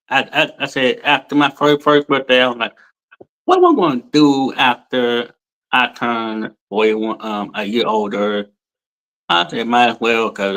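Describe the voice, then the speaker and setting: Telling his story as a guest in a relaxed video-call chat, a forties-aged man rambles, repeats himself and talks informally. The poor audio carries a medium-pitched, slightly bright voice.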